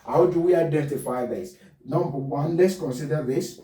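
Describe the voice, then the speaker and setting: Male phonetics teacher, deliberate drill-like delivery, dark timbre, echoey room. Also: on the high side. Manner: spells words letter by letter, repeats them slowly. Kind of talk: pronunciation lesson. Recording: roomy, distant mic.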